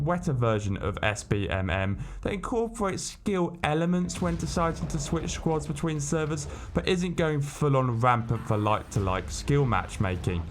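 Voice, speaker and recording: A British man narrating scripted gaming news as a host, in a colloquial, tongue-in-cheek manner. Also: on the high side.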